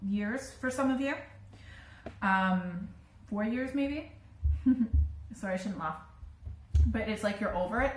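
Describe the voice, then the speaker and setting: A woman's voice: medium pitch, reverberant. A woman with a British accent giving a casual tarot reading, talking in a chatty way with many fillers. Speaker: tarot reader.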